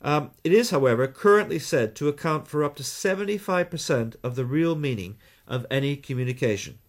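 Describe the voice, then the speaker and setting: A Canadian man talking as a guest in a radio interview, explaining things in a measured way with deliberate pauses. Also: a little high, animated. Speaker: guest, communication trainer.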